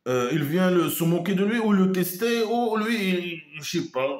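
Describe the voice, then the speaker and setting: A man's voice: high-pitched, animated, moderate pace, echoey room. A man giving a casual critical monologue, scornful and mocking, hesitating with many trailing asides. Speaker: online commentator.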